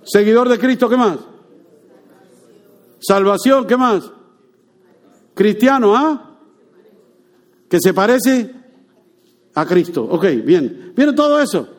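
A man preaching a lively sermon, joking with and quizzing his congregation. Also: high-pitched, slow, pauses often. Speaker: pastor.

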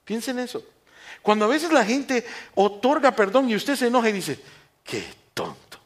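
A man preaching a sermon in a church, switching between loud emphatic lines and quiet asides, and using mocking voices for the people he quotes. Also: very high-pitched, fairly quick.

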